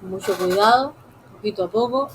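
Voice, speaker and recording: A woman narrates a live drawing class at an easy pace, speaking directly to her viewers. Her voice sits in an ordinary middle pitch and often drops quietly as she concentrates. A faint hiss of room noise sits behind her. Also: poor audio. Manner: soft, unhurried, talks while drawing. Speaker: drawing teacher. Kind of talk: live-streamed drawing lesson.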